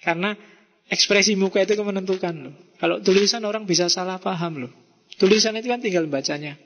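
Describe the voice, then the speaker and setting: A man's voice: high voice, fast talker, slight background noise. Javanese-accented man lecturing in a reverberant hall. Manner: lively, mixes in Javanese, acts out quoted messages. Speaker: philosophy lecturer. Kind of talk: lecture to students. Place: mosque hall.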